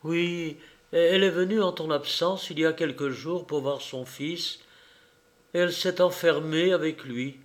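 A man's voice: unhurried, close to an everyday voice. A man reading aloud and voicing an old female nurse who pleads and sobs in a raised, quavering voice. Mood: tearful pleading. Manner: pleading, sobbing, higher-pitched. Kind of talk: audiobook reading.

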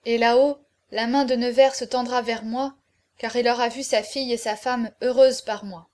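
Lady reading as a noble doomed hero guy, grave and solemn, slowish and low-key, audiobook. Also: steady tone, a little mellow, natural voice. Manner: solemn, measured farewell speeches. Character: noble condemned male hero, grave and tender.

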